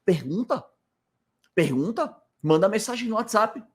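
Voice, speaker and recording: Speaking to camera indoors in a rental house, a hospitality business coach with a Brazilian Portuguese accent teaches informally, making a point and then answering his own rhetorical questions. His high voice has lively intonation, a breathy edge, and a slightly slow pace.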